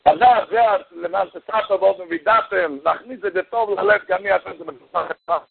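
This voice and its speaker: A man giving a storytelling sermon, animated, his voice leaping high whenever he acts out the people in his story. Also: gravelly. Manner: animated storytelling, voice jumping high for quoted characters. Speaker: rabbi giving a Torah talk. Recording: tinny phone-like radio broadcast.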